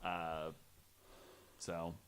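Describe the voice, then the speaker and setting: Working from notes, a podcast panelist tells a story in a casual, conversational way, his phrasing halting and hesitant. His voice is fairly low, fairly bright, and smooth, and his delivery is completely flat.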